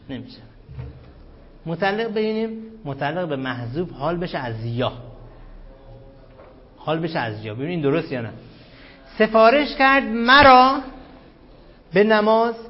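A grammar teacher lectures a class in a fairly high voice, firing questions at his students and repeating key terms slowly. The recording sounds dull and lo-fi, with the sound of a classroom.

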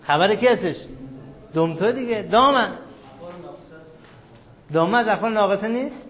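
A grammar teacher lectures a class in a fairly high voice, firing questions at his students and repeating key terms slowly. The recording sounds dull and lo-fi, with the sound of a classroom. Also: animated.

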